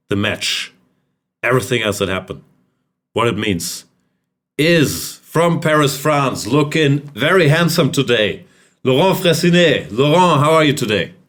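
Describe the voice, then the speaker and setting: A man's voice: medium pitch, expressive, unhurried, fairly bright tone. A man hosting a casual chess podcast, wry and joking as he introduces guests and recaps games. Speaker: podcast host.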